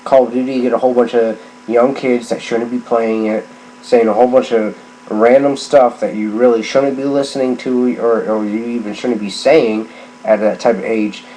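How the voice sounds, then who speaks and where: A drunk middle-aged man on a rambling, casual gaming rant, halting and repeating himself as he circles back on phrases. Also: mid-range voice, fairly even intonation, warm tone. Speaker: gaming vlogger. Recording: clearly noisy background ambience.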